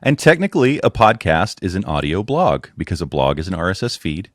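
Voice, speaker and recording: A man co-hosting a podcast in casual chat, chatty and quick to laugh, often restarting words. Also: deep voice, big pitch swings, no echo, studio quality. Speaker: podcast co-host.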